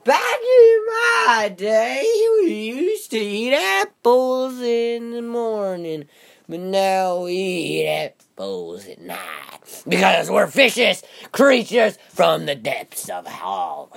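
A speaker putting on the voice of a grumpy old man reminiscing, with a slow, drawn-out delivery. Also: mid-range voice, sing-song, gravelly, pitched above the performer's own voice, heavily acted. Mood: nostalgic.

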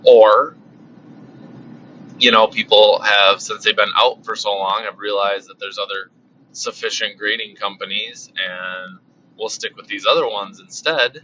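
This man hosts a card collecting channel and talks casually at a measured pace, his fairly low voice steady, bright and forceful even as it starts to give out. He rambles with plenty of fillers and repeated words, and the dull lo-fi audio has slight background noise.

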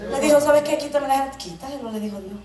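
A woman giving a fervent sermon testimony, going from quiet storytelling to shouted preaching. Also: high voice, fast talker, a crowd in the background. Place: church hall. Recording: echoey church PA from far off. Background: music and congregation.

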